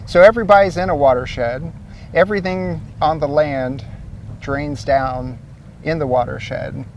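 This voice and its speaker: This guest, a source water protection coordinator from Ohio, explains his city's water supply in relaxed interview answers with some fillers, outdoors beside a lake. He speaks unhurriedly in a slightly high, gravelly voice, far from the mic, and the poor audio has a little hiss or hum.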